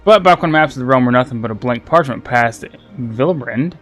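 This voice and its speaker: A man's voice: mid-range voice, fairly quick, soft background music, close to an everyday voice. A man voicing a seafaring male explorer captain in a pirate drawl, reading game lines aloud and stumbling over the names. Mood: yarn-spinning.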